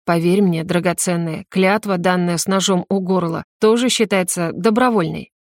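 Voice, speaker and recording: A woman voicing a smug male witcher who speaks with gentle, smirking menace. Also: fairly low pitch, steady tone, normal speed, no room sound, clean studio sound, lightly acted.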